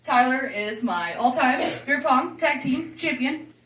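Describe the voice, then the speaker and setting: Woman roasting with a bright laugh. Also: high-pitched, expressive, measured pace, roomy sound, recorded from a distance, slight background noise. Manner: laughing, profane, teasing. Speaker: roast speaker. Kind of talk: casual roast toast.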